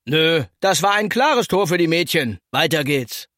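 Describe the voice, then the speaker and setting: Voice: medium pitch, lively intonation, measured pace, a bit bright, dry recording, studio quality. A storyteller voicing a good-natured elderly man, easygoing and encouraging.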